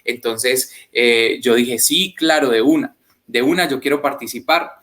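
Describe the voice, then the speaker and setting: A man's voice: medium pitch, unhurried, a bit bright. A young man, earnestly telling his personal faith testimony in a reflective way. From Colombia. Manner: earnest, reflective, quotes others in a raised voice. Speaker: guest giving a faith testimony.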